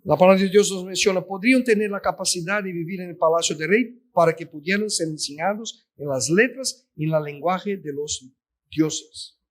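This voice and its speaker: Male preacher, high voice, emphatic sermon delivery. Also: moderate pace. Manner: emphatic, addresses listeners as "queridos". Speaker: pastor.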